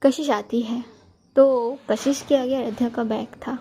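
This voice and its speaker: A woman's voice: on the high side, fairly even intonation, a little slow, dark tone, breathy edge. A young woman narrating a romance story in a chatty, casual way, talking straight to her listeners. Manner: chatty, talks to listeners directly.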